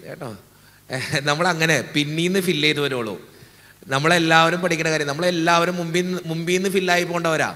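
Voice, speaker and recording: A man's voice: a little high, sharp tone. A man, a Keralan priest, preaching a casual, teasing sermon and leading his congregation in call-and-response. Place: church. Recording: echoey hall.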